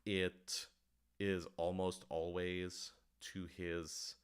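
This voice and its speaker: A low-voiced man, a writer-director fielding audience questions, talks in a loose, unscripted livestream manner. He explains with thought and some energy, hedging often as he works toward his point. His pitch barely moves, he stretches his words out, and the tone is clean.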